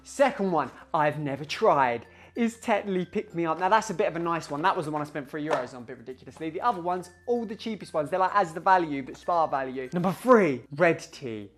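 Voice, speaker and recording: A young man chatting casually in a home video, excitable, rambling and sweary. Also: a little high, fairly quick, hardly any pauses, slight background noise. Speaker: vlogger. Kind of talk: casual vlog chat.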